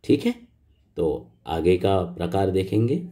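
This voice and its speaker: Patient, slow-talking male teacher. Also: low-pitched, expressive, dark tone. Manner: patient, explains step by step with questions to pupils. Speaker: school Hindi teacher. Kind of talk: classroom grammar lesson.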